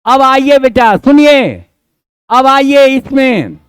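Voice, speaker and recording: A man's voice: very high-pitched, lively intonation, slow, smooth, dry recording. A male grammar teacher with a Bihari Hindi accent, teaching a class in a homely, colloquial way and keeping students engaged with questions and checks. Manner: homely, colloquial scolding and coaxing. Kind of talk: classroom lesson.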